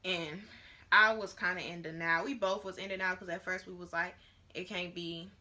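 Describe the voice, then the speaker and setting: A woman's voice: lowish voice, steady tone, a little fast, bright, forceful tone. A woman in her late teens, vlogging at home to a camera on a tripod and chatting casually with lots of fillers. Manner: chatty and rambling, with many fillers. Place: at home, near her bedroom.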